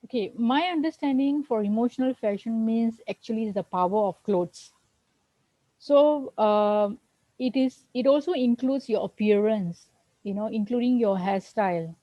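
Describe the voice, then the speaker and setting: A woman's voice: fairly high pitch, moderate pace, no echo, muffled recording. A middle-aged woman from Singapore answering interview questions earnestly over a video call, with fillers and restarts. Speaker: guest, accountant. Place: at home, remote.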